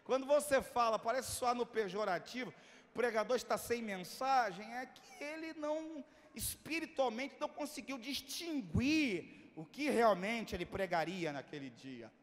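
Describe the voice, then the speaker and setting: A man's voice: extremely high pitch, animated, moderate pace. A man with a Brazilian Portuguese accent preaching a sermon, telling a story dramatically and building to emphatic declaiming. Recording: long reverb of a large hall.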